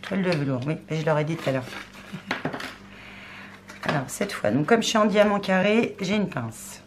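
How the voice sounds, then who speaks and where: A woman hosting a crafts unboxing video, chatting casually and thinking aloud, often murmuring softly. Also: lowish voice, animated, measured pace. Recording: clear background noise.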